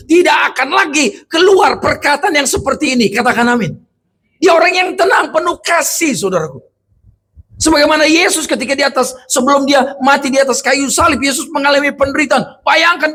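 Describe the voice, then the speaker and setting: A male pastor preaching a sermon to a congregation, asking them questions, and moving between loud emphatic lines and quiet, low storytelling. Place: church.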